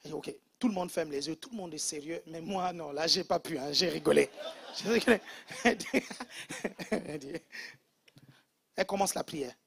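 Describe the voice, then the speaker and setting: A man's voice: fairly high pitch, measured pace, gravelly, a bit bright, breathy edge. A man preaching a humorous sermon as pastor, teasing the congregation playfully and mimicking accents.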